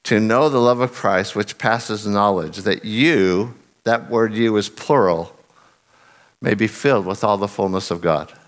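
In a measured pace, a middle-aged man delivers an earnest sermon, pressing hard on key phrases. His voice has gone slightly husky and low after loud singing.

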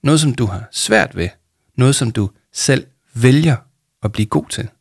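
A man reading aloud voices Paul, a calm and gentle adult counsellor. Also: mid-range voice, slightly rough, dry recording, studio quality.

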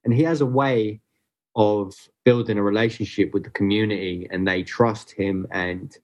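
A man's voice: on the low side, fairly even intonation, darkish tone, dull audio. A man, a guest photographer talking earnestly and unhurriedly in a casual podcast chat. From Southeast London. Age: 30s. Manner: earnest, unhurried, restarts phrases.

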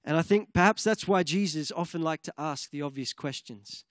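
A man's voice: on the high side, normal speed, no room sound, clean studio sound. A man preaching a sermon in an earnest way, at times moving into fervent spoken prayer.

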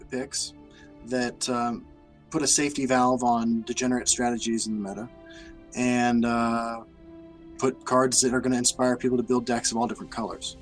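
Male podcast co-host, casual and self-deprecating, with a gravelly, fry-edged voice. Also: mid-range voice, low-quality recording. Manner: self-deprecating, laughs often, halting restarts.

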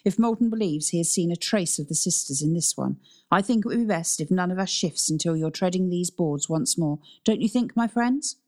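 A woman's voice: on the low side, lively intonation, brisk, a little mellow, natural voice. A woman reading a storybook, voicing a cautious, worried uncle who speaks earnestly and insistently.

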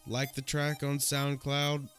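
A man's voice: medium pitch, completely flat delivery, slow pace, a bit bright, soft background music. A man co-hosting a casual late-night podcast, laid-back and jokey. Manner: laid-back, jokey, sings snatches of songs. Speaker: podcast co-host.

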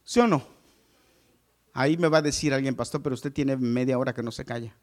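A male pastor preaching a sermon to his congregation, moving between loud exclamations and hushed asides. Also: medium pitch, fairly even intonation, fast.

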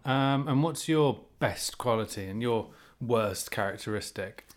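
A man hosting a relaxed podcast chat, asking questions and teasing his co-host. His voice sits at an everyday middle pitch with a bouncy, jokey lilt. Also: unhurried. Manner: playful, teasing interviewer.

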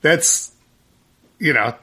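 A man who sings in a band is a guest in a casual conversation, rambling with lots of restarts and fillers. He draws out his words, and his voice has a bright, forceful tone.

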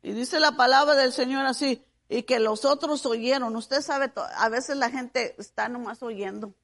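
A woman delivers a fervent sermon in a high, bright voice. She stretches out key words and rises into shouted praise, then drops back to a conversational preaching tone. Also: unhurried. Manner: fervent, breaks into hallelujahs and shouted phrases.

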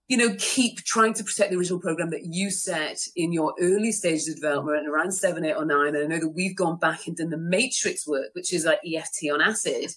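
A woman's voice: on the low side, fairly bright tone, slightly rough. A woman coaching a guided tapping exercise and chatting, soothing and encouraging, laughing often. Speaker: tapping and brain-training coach. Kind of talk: guided tapping and casual chat.

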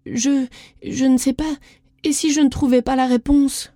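A woman voicing an anxious, eager young girl in a read-aloud storybook, crying out in high, excited bursts. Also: a little slow, dry recording, clean studio sound.

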